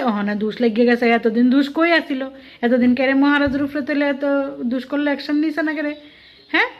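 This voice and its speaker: A woman delivering a sarcastic political rant full of rhetorical questions. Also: high-pitched. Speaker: political vlogger. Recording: dull lo-fi audio.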